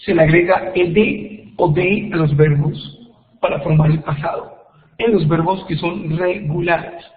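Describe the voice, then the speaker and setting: A man teaching an online English grammar lesson, explaining slowly and patiently with repeated examples. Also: on the high side, steady tone. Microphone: computer microphone on a web call. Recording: echoey tinny web conference audio.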